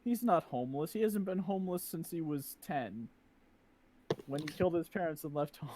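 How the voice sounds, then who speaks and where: A man with a fairly high voice plays his character in a tabletop game. He makes sardonic, self-mocking jokes. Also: lively intonation, moderate pace, background noise. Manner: joking, sardonic. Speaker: player.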